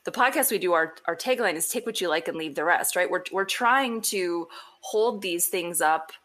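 A woman pastor talking casually as a podcast guest, animated and quick to laugh. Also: lowish voice.

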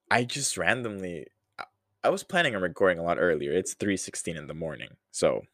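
A young man in his early twenties with a very low voice talks through a casual solo podcast. He takes his time, rambling with sighs and small laughs. The recording is close and dry, with no room sound. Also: dry recording. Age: early 20s. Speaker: podcast host.

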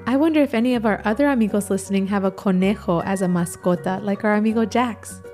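A woman's voice: mid-range voice, faint music behind. A woman from Ecuador co-hosting a children's Spanish lesson, upbeat and encouraging. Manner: warm, upbeat, encouraging, slow teacher-like delivery. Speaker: co-host and Spanish teacher.

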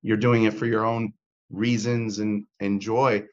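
A man's voice: fairly low pitch, little pitch movement, measured pace, lo-fi sound. A man talking as a podcast guest in casual chat, rambling and restarting with many fillers. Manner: rambling, self-interrupting, frequent fillers. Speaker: podcast guest, comedy content creator.

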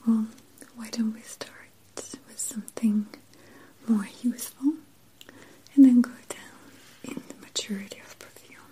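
A woman whispers in a breathy, unhurried ASMR roleplay, playing a gentle shop assistant. Her whisper sits very close to the microphone and has a deep, mellow darkness. A faint hiss lies under it. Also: fairly even intonation. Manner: soft unvoiced whisper, slow and soothing.

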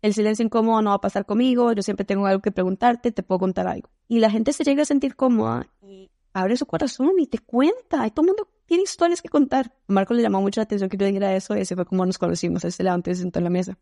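A Costa Rican woman guesting on a podcast, her voice mellow and dark rather than bright. She tells stories with animated, expressive swings and laughs along the way. The recording is close and dry, with no room sound. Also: mid-range voice, very fast, no room sound. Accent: Costa Rican Spanish. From Costa Rica. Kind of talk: casual interview chat.

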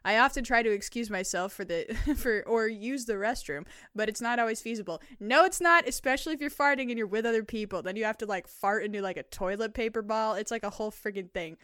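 Woman podcast co-host, casual chat, giggly and animated, medium pitch, dry close sound. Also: quick pace, few pauses, dry recording. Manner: laughs often, animated reading, filler likes. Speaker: podcast co-host reading listener stories.

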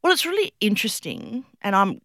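Bright-voiced Australian woman, chatty. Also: mid-range voice, big pitch swings, brisk, no room sound, clean studio sound. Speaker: interview guest, public speaker and former competitive swimmer. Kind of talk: casual conversational interview, storytelling.

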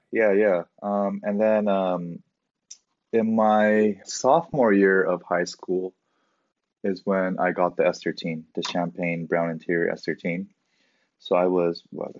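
A man from Southern California, a podcast guest, telling laughing anecdotes in a relaxed, casual way. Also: deep voice, no echo, highs cut off. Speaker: guest, professional drift driver.

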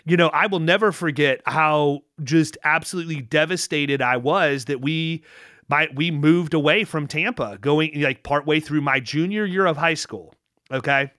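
A middle-aged man with a somewhat high, bright and forceful voice talks casually, spinning rambling anecdotes full of restarts. His voice is recorded close and dry, with no room sound. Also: moderate pace, no room sound. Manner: rambling, anecdotal, with restarts and lively quoted dialogue. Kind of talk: casual conversational storytelling.

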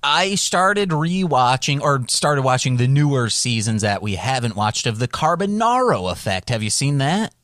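A man co-hosting a podcast, telling stories in a casual, animated, jokey way. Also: mid-range voice, moderate pace, few pauses, dry recording, studio quality. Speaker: podcast co-host.

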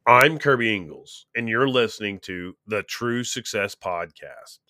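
A man's voice: lowish voice, expressive, unhurried. A man hosting a podcast, reading an introduction and then interviewing a guest in an earnest manner, often speeding up. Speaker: podcast host.

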